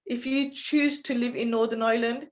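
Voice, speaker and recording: A woman presents a training session in a chatty, explanatory way. Her voice sits a little high, and she often stops to check that the group is following. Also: fairly even intonation, moderate pace. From United Kingdom. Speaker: intercultural trainer.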